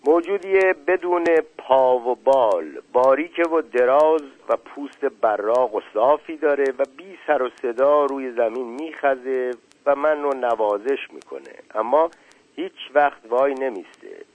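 A man voicing a shy, lonely young female daisy flower in a storybook reading, speaking softly. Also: mid-range voice, expressive, no echo, narrow, tinny audio, lightly acted. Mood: shy, wistful. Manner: soft, timid then gently talkative.

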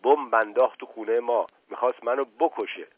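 A spiteful young man whines and tattles, as a male narrator puts him on. The voice is husky. It is heard through a dry, narrow phone-like band. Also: medium pitch, no room sound, natural voice. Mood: whining accusing. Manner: whining, accusing.

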